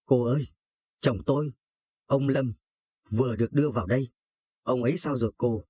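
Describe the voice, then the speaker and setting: A distraught woman of thirty-five in a storybook tale who speaks in hurried, urgent bursts, voiced by a male narrator. The tone is husky and dry. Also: mid-range voice, mellow, dry recording, close to an everyday voice. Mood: desperate. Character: anguished widowed mother of thirty-five.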